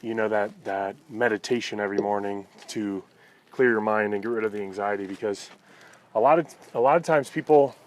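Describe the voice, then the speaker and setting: A man with a fairly low voice talks a little quickly as he vlogs, chatting casually and reflectively with his viewers. He keeps checking in with "you know" in this relaxed, personal talk.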